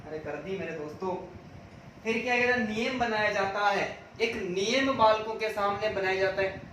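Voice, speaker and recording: A man's voice: high voice, normal speed, fairly bright tone, a little hiss or hum. A male teacher giving an exam-prep lecture, asking each question aloud and answering it himself to drill the points home. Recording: echoey room, voice from far off.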